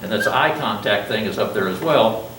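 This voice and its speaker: An older male college instructor lectures his class through a mask in a lowish voice with lively intonation at normal speed. He's chatty, jokes about himself, and quizzes the students. The sound is roomy and distant, with background noise.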